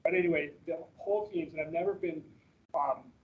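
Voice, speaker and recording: A man's voice: on the high side, a little fast. A man presenting slides at a staff orientation on a video call, talking casually and rambling with fillers and restarts. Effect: heard through a video-call meeting recording. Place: meeting room with people present. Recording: dull lo-fi meeting-call audio.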